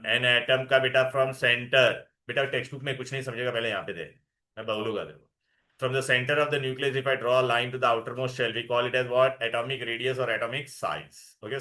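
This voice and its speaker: Bright-voiced Indian man teaching a class. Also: mid-range voice. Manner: repetitive, checks understanding, addresses students directly. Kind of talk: classroom lesson with rhetorical questions.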